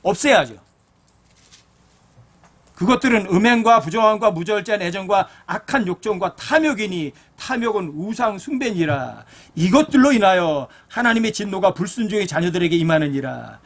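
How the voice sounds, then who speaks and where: A man's voice: high-pitched, lively intonation, normal speed. A middle-aged man, a pastor, preaching a blunt, earnest sermon full of personal stories.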